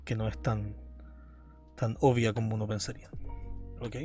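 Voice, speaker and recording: A university math lecturer teaches a live calculus class, explaining step by step and often checking in with his students. His voice is fairly low and dark with little pitch movement, at a normal speed, and faint music plays behind him.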